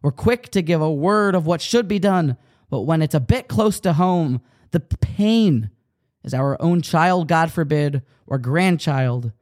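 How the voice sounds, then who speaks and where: Man, storyteller, earnest, measured pauses, slightly higher voice. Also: expressive, a little mellow. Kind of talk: storytelling a parable.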